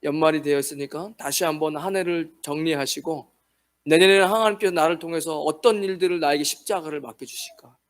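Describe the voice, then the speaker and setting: A man preaching a midweek sermon as pastor, swinging from quiet asides to loud emphatic lines and acting out little imagined conversations. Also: high voice. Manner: dynamic preaching, acting out imagined dialogues with shifting loudness.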